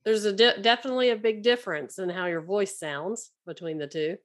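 A woman's voice: mid-range voice, fairly even intonation, brisk. A woman hosting a podcast interview, chatting in an encouraging, conversational way. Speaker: podcast host, speech pathologist.

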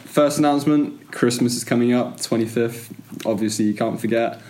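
A man's voice: medium pitch, normal speed, darkish tone, low-quality recording. A man co-hosting a casual podcast, giving announcements in an easygoing way. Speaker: podcast co-host.

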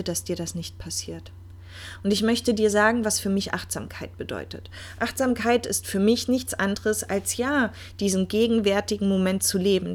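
A woman speaking earnestly and reflectively about mindfulness, addressing the listener directly and often dropping to a soft, quiet delivery. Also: mid-range voice. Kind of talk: personal monologue on mindfulness.

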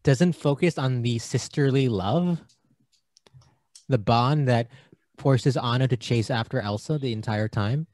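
A man co-hosts a podcast in a loose, chatty way, often laughing and trailing off. His pitch sits in the ordinary middle range. The recording is dry and close, with no room sound. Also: measured pace, a little mellow, no echo. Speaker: podcast co-host. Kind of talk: casual movie discussion.

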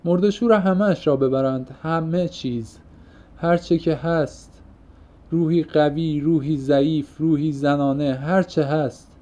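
A man's voice: on the high side, steady tone, mellow, lightly acted. A man reading an audiobook, voicing an impassioned young man who pours out his heart in fervent, poetic outbursts. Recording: muffled lo-fi recording.

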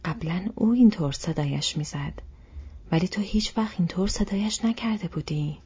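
A woman's voice: dark tone, slight background noise, close to an everyday voice. Gandalf, a woman voicing a stern old wizard. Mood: stern, grave. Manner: low, measured, half-whispered. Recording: dull lo-fi recording.

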